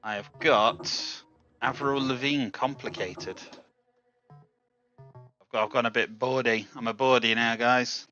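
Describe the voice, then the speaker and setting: A man's voice: mid-range voice, steady tone, slow, pauses often, sharp tone, highs cut off, soft background music. A man casually hosting a live viewer contest, chatting politely and addressing people directly. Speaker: livestream host of a slot-machine contest.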